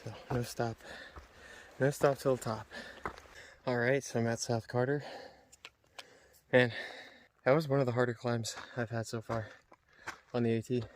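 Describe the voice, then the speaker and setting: A man chatting casually to his camera outdoors on a mountain trail, relaxed and rambling with lots of fillers. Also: medium pitch, a little hiss or hum. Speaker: hiker filming his own trail vlog. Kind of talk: casual self-filmed vlog chat.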